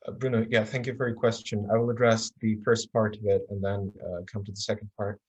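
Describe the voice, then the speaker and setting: Low-voiced Russian-accented man answering questions. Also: flat delivery, quick pace, muffled recording. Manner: hesitant, many fillers and restarts. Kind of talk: Q&A answers at online event.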